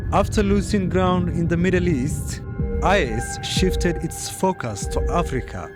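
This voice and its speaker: A man from Somalia, narrating a documentary report in a measured, grave voice. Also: fairly high pitch.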